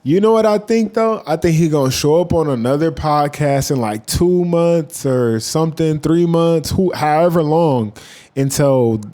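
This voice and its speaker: A man giving casual, profane reaction commentary as a YouTuber, rambling with animated asides. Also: fairly high pitch, moderate pace.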